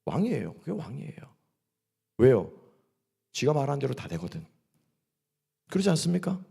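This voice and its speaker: A man's voice: mid-range voice, big pitch swings, normal speed, gravelly, dark tone, slightly rough. A man preaching a sermon at a midweek church service. He keeps asking the congregation questions and answering them himself. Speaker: pastor. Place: church sanctuary.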